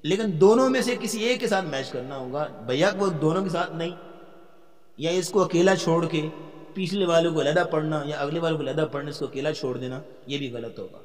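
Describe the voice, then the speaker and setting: Man, Quran teacher, tafsir lecture, slightly high voice, step-by-step explaining, long hall reverb. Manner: explains step by step, asks the class questions, chants verses slowly.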